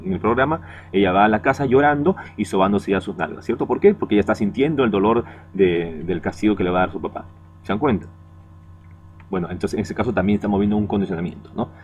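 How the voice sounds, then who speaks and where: Low-voiced teacher explaining patiently. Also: male voice, darkish tone, highs cut off. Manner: explains patiently, tags lines with "¿no?" and "¿ya?". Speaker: secondary school teacher. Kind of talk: recorded class lecture.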